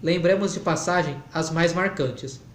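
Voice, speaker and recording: Slow halting man reading aloud. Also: fairly high pitch, a little hiss or hum. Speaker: reader of an academic text. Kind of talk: slow read-aloud of an academic text. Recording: echoey room.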